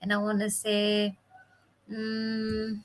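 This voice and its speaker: A woman's voice: mid-range voice, completely flat delivery, drawn-out words. A woman from Bali in her thirties with an Indonesian accent, chatting casually on a live stream from home, English not her first language, with many fillers. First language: Balinese or Indonesian, not English. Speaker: livestream host and business mentor. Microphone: phone or webcam live stream.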